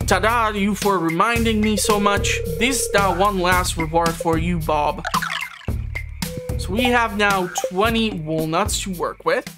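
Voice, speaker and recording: Over background music from the game's soundtrack, a female let's-play commentator talks casually about her farming game in a mid-range voice, a little slow. She tends to ramble, trip on her words and slip in joking asides.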